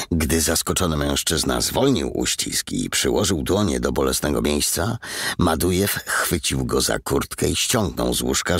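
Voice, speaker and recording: A man's voice: a bass voice, a bit bright, breathy edge, no room sound, clean studio sound. A man reading an audiobook as the narrator, telling the story with tense drama. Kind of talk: scripted narration.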